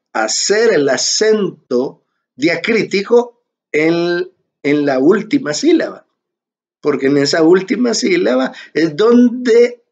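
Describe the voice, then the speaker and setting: A man teaching a music class in a slow, explanatory way, often checking in with his listeners. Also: fairly high pitch. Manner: slow, explanatory, repeats "¿verdad?" to check understanding. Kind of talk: online lecture. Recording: dull lo-fi sound.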